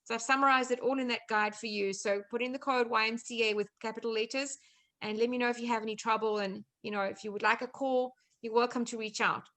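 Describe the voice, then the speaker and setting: Speaking quickly with a steady, fairly bright tone, this woman has a fairly high-pitched voice and a South African accent. She's a guest nutrition coach on a video call, keeping things informal and reassuring in a casual online presentation and chat.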